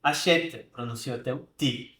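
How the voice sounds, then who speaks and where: In an echoey room, a man with a mid-range, fairly bright voice gives an online French pronunciation lesson. He explains and drills sounds slowly, checking in often with "né?" and "tá?".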